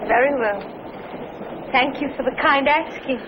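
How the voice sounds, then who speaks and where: An actress playing an earnest, genteel housewife in an old broadcast comedy-drama, using quaint, formal turns of phrase. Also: female voice, high-pitched, a little slow, lo-fi sound. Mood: polite, genteel. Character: earnest, genteel housewife, easily indignant, reveres poetry. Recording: noisy vintage broadcast recording.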